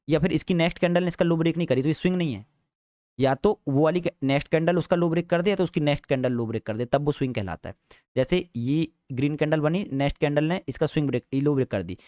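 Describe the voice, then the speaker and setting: A man's voice: a little high, a little mellow, no room sound, studio quality. A man teaching a live trading class in a chatty, teasing way, repeating each point. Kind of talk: casual live class lecture.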